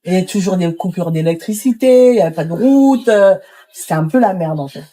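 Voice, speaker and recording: Young woman, restaurant owner, warm low-key tone, chatty storyteller. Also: a little fast. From Congo. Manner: animated storytelling with lots of fillers. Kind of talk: casual interview conversation.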